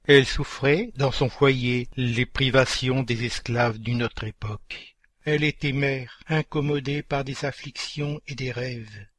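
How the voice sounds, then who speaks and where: A man's voice: mid-range voice, fairly even intonation, a little slow, fairly bright tone, no echo. Solemn male storyteller, dry close sound. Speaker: narrator. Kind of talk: dramatic story narration.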